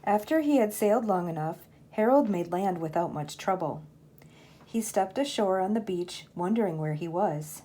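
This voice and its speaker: Reading from a children's storybook, this older woman uses a mid-range voice. She tells the story in the expressive, unhurried way of a grandmother.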